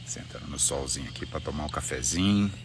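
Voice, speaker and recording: A man's voice: rumbling low, fast talker, background noise. A young man chatting casually to his phone camera outdoors on a country estate, easygoing and teasing. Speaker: vlogger. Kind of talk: casual vlog chat.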